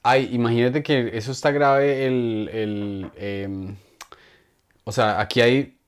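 A man's voice: medium pitch, fairly even intonation, slow, smooth. Rambling chatty man. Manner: rambling, self-correcting, chatty. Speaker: podcast co-host. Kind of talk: casual comedy chat. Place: podcast studio.

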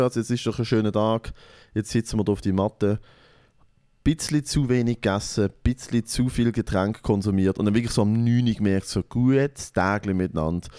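A man's voice: medium pitch, a little mellow. A young man with a Swiss German accent in casual chat, telling a story with lots of swearing and acting out what others said.

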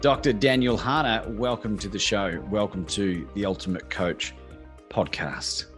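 Joking podcast host, low-pitched man. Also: a little slow, fairly bright tone, faint music behind. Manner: friendly, joking, laughs easily. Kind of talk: conversational interview.

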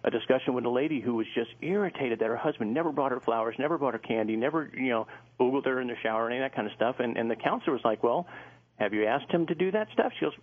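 A man's voice: mid-range voice, expressive, very fast. A male marriage coach, a guest on a radio show, talking in a friendly, chatty way. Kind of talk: radio interview. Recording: tinny phone line.

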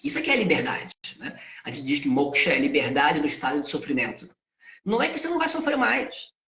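A man teaching Vedanta ideas, who poses questions to himself and answers them in a lively spoken lesson. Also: a little high, fast talker, creaky. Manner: asks and answers his own questions. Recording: echoey, dull lo-fi sound.

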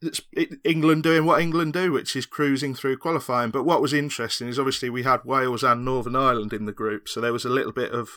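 A man's voice: mid-range voice, fairly even intonation, quick pace, hardly any pauses, fairly bright tone. A man on a podcast panel, giving rambling, enthusiastic football analysis. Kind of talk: casual chat.

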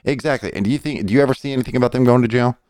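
A man's voice: medium pitch, rapid-fire, darkish tone, no echo, studio quality. A middle-aged man arguing his opinions in a casual debate, blunt, insistent and given to swearing.

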